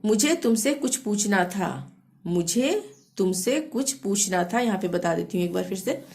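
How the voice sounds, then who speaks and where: A woman teaching a language lesson, spelling words letter by letter and repeating phrases slowly and patiently. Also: mid-range voice, animated, a little mellow. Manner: repeats "theek hai" to check understanding. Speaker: Hindi teacher.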